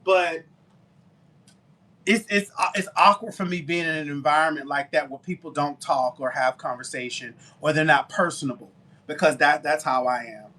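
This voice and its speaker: A man's voice: on the high side, normal speed. A man from Alabama with a Southern accent, chatting casually with viewers on a live baking stream. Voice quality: talkative, warm down-home manner. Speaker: baker and live-stream seller.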